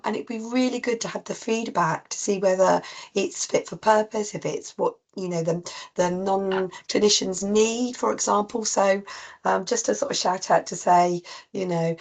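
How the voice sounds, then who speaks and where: A woman with a cold, husky and coughing, giving an informal online talk to practice teams with many ums and restarts. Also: on the low side, darkish tone. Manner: rambling with frequent ums and restarts. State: coughing, voice strained. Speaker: clinical lead presenting to practice teams. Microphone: video call.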